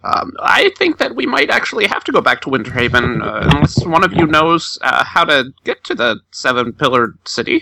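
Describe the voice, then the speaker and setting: A man playing a tabletop game, hesitant and halting as he thinks aloud. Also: a little high, big pitch swings, vocal fry, bright, forceful tone. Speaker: player.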